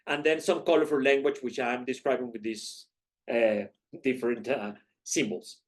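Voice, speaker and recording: A man's voice: mid-range voice, steady tone, moderate pace. A man from Colombia, giving a university lecture as a guest economist, methodically posing questions and then answering them.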